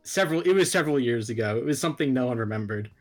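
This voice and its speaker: A man's voice: mid-range voice, expressive, very fast, faint music behind. A man co-hosting a casual chat who swears freely and makes fun of himself. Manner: swears freely, self-mocking. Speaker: podcast co-host.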